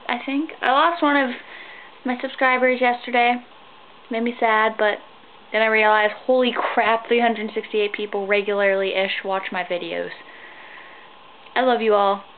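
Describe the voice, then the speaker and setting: A woman's voice: a little high, moderate pace. Tired teen girl rambling, tinny sound. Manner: rambly, tired talk with bursts of squealing excitement. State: tired, sleepy. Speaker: vlogger. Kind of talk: rambling casual vlog. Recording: tinny phone-like sound, faint hiss.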